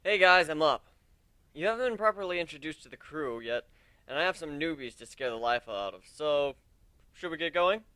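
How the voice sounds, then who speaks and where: A man voicing a brash, cocky griffin captain in a story reading, loudly addressing his crew with a commanding manner. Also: fairly high pitch, lively intonation, normal speed, smooth, no echo. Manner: loud, commanding, speechifying.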